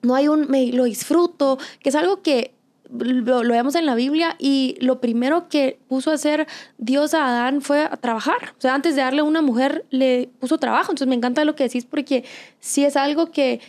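A woman's voice: sits high, normal speed, darkish tone. A young woman, hosting a casual faith-based chat and giving earnest, encouraging advice with many fillers.

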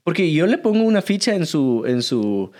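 A man in his thirties with a Guatemalan Spanish accent, co-hosting a casual podcast, explaining things with a lively manner and frequent laughs. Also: fairly high pitch, normal speed. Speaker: podcast co-host, father, church member.

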